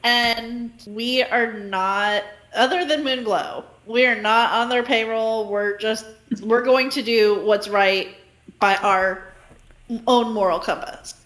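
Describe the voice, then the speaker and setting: Slow, deliberate woman tabletop player. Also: a little high, a bit bright, roomy sound, poor audio. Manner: deliberate, hesitant, with many ums. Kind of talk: casual in-character role-play.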